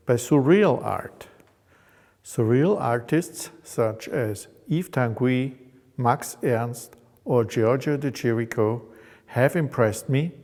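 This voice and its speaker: A man, calmly narrating his life as a painter in English. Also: medium pitch, big-room sound. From Austria. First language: German. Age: 50s. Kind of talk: reflective personal narration.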